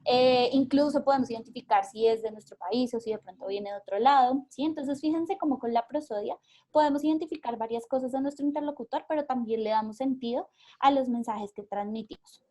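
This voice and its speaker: High-voiced Colombian woman teaching online. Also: brisk, mellow. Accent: Colombian Spanish. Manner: explanatory, many fillers and repeated words. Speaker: workshop facilitator. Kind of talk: live online workshop. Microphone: video call.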